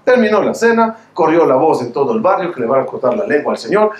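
A man rabbi giving a storytelling sermon, lively and full of repeated rhetorical questions. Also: a little high, quick pace, reverberant, muffled recording.

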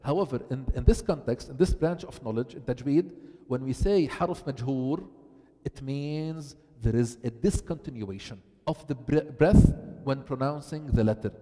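A man's voice: medium pitch, slow, dark tone. Man teaching tajweed in an echoey hall. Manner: explains, then asks the class questions and answers them. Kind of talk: classroom lesson, switching between English and Arabic. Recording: long hall reverb.

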